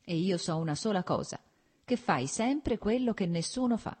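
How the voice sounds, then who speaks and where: A woman's voice: medium pitch, lively intonation, moderate pace, a little mellow, slightly rough, pitched above the performer's own voice. A woman voicing an earnest, agitated young nobleman in love, in a pleading, urgent voice.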